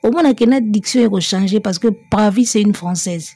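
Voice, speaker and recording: A woman's voice: medium pitch, moderate pace, dark tone, breathy edge, dry recording. A woman, giving chatty, emphatic music commentary. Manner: mixes French and Lingala, chatty and emphatic, breaks into song. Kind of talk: casual spoken commentary.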